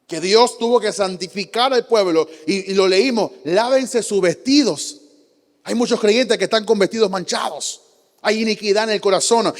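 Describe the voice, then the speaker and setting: High-voiced pastor preaching in echoing church. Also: male voice. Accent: Panamanian Spanish. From Panama. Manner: preaching with acted-out quotes of churchgoers, rhetorical questions, emphatic repetition. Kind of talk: sermon. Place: church sanctuary. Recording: long church hall reverb.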